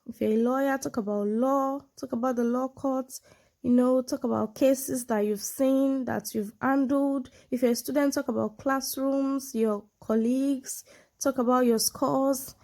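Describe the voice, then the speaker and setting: This Nigerian woman teaches informally to camera as an online tutor for English exams, speaking English as a second language with a Nigerian accent; her first language is Nigerian. Her sonorous voice is high, steady and a little mellow, her pace a little slow. She explains with examples and often adds "yeah" or "you know" to check in.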